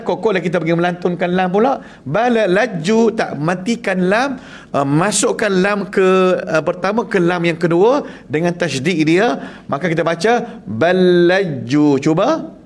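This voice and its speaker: Malaysian guy teaching tajwid, fairly high voice, keeps quizzing the class and acting out sounds. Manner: asks the class questions and demonstrates sounds. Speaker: Quran recitation teacher. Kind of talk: lively tajwid lesson with jokes. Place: classroom or lecture hall.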